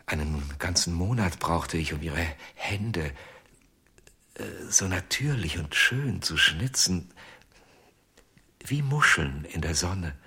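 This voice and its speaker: In a German radio crime drama, an actor plays a haunted, obsessive ventriloquist making a tender, weary confession. His low male voice is husky and exaggerated, often close to a whisper, and he tells the story slowly, haltingly, and in hushed tones.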